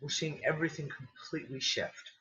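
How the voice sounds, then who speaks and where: The host of a loose online group chat on a video call speaks fairly quickly into a computer mic, his bright, slightly high voice worn down, sniffly and nearly giving out. He rambles from point to point with exclamations and casual swearing, and the stream sounds dull and lo-fi.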